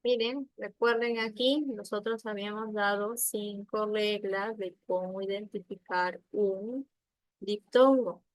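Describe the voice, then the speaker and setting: A woman teaching young pupils over a video call, speaking slowly and patiently. Her voice sits mid-range and sounds dry and close to the computer mic. She keeps checking that the class follows and breaks words into syllables. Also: mid-range voice, steady tone, no echo. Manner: slow, patient, checks understanding with frequent questions. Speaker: primary school teacher. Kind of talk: online spelling lesson.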